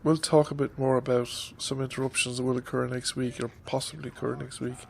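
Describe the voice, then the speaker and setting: Slight background noise accompanies a man in his fifties from Ireland as he gives a casual YouTube vlog update at a desk microphone on a stand. Stuffy from a head cold, he rambles hesitantly with many ums, speaking fairly quickly in a creaky, medium-pitched, flat voice.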